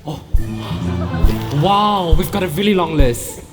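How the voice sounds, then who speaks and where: Actor doing outraged stage cop, melodramatic, slow n swoopy, big echoey hall. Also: medium pitch, sing-song. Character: indignant, theatrical police officer exposing art fraud. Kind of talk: theatrical stage acting. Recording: echoey hall, loud guitar music behind.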